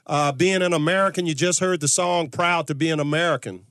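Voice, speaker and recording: A man hosting an interview in casual chat, exuberant and given to loud exclamations. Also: fairly high pitch, steady tone, brisk, no room sound, clean studio sound. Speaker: host.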